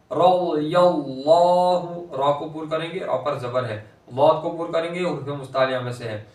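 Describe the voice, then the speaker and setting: A male Quran reading teacher, explaining pronunciation rules and reciting words slowly and drawn out. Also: a little high. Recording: echoey room, voice from a distance.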